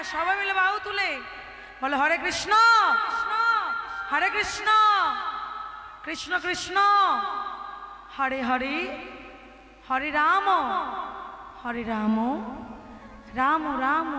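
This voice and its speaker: High-voiced woman singer coaxing her crowd. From West Bengal, India. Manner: coaxing the audience with questions and calls to join in. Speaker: kirtan singer and storyteller. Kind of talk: devotional storytelling and chanting. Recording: echoey hall with loud music. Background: loud devotional music with drums and cymbals.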